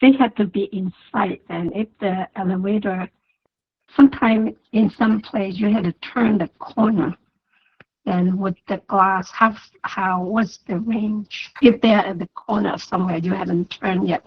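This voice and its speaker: A woman asking questions in a webinar, halting and searching for words. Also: mid-range voice, fairly even intonation, breathy edge, highs cut off.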